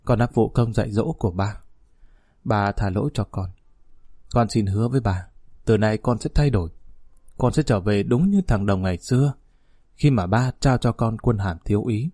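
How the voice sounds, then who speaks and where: A man voicing a contrite middle-aged police officer who speaks in a low, pleading way to his father. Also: normal speed, warm tone, slightly rough, no echo, studio quality. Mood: remorseful.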